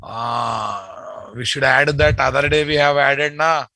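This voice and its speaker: A male programming teacher with a Telugu Indian accent walks students through live code at a slow, measured pace, his medium-pitched voice fairly even, sharp and forward with a creak. He restates instructions and finishes sentences with checking tag questions, with no room sound in the recording.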